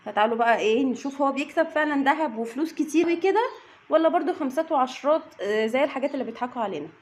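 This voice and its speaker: Her voice sits high, animated and a little mellow, and she talks very fast: an Egyptian-accented vlogger mother unboxing snacks at home. In this casual vlog she chats away, speaking directly to the viewers.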